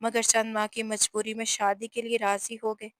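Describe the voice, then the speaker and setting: A woman's voice: fairly high pitch, flat delivery, moderate pace, no echo, lightly acted. A woman voicing a widowed mother who scolds her only son firmly and emotionally in a storybook reading. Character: stern widowed mother, protective and tearful.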